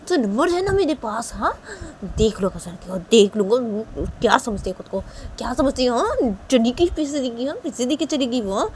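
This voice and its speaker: A woman's voice: medium pitch, steady tone, a little fast, mellow, slight background noise, natural voice. A woman voicing an angry young man who sulks and snaps at his mother. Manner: sullen, snapping, repetitive.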